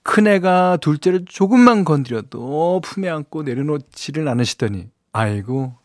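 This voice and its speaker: A man's voice: on the high side, expressive, normal speed, no echo, studio quality. A man hosting a radio show, reading listener messages in a chatty, conversational way with lots of affirming asides. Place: radio studio. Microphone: studio microphone, close and dry.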